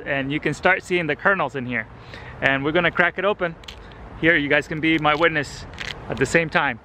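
A gardening channel host in his thirties from El Salvador chats casually in a residential yard for his vlog, enthusing over the fruit he tastes. His voice is a little high, pushed and bright. It's filmed on a handheld camera held at arm's length, with slight background noise.

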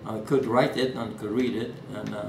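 A Norwegian-accented man in his eighties gives an oral history interview in his living room, speaking haltingly with many fillers and restarts. His fairly low voice holds a steady tone, recorded in an echoey room with a distant mic and background hiss.

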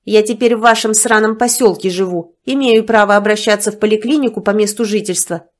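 A woman's voice: medium pitch, steady tone, a little fast, lightly acted. A woman reading a rude, nervous, haughty younger woman in an audiobook. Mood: snippy. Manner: snippy, haughty.

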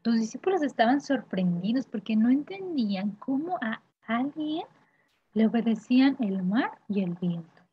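A woman's voice: on the high side, big pitch swings, normal speed, mellow, slightly rough, highs cut off. A woman teaching a children's Bible lesson, telling the story with animation and asking the children questions. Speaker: Sunday school teacher.

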